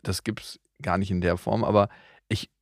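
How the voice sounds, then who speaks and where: A man's voice: deep voice, steady tone, moderate pace, vocal fry, no echo. Man in his thirties, casual co-host, sarcastic teasing delivery, dry close sound. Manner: teasing, sarcastic, laughs often. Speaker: podcast co-host. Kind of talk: casual chat.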